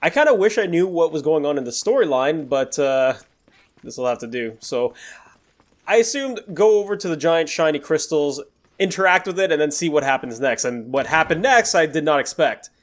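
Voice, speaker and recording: This gaming video host gives loose, rambling commentary over footage, apologizing and frequently returning to things he said before. His voice is a little high with lively intonation and a moderate pace.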